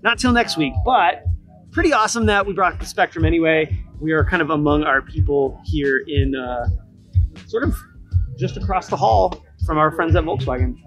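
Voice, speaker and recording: A man's voice: on the high side, normal speed, a bit bright, faint music behind. A man vlogging casually outdoors at a gas station and a car show, upbeat and chatty with jokey asides. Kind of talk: casual vlog chat.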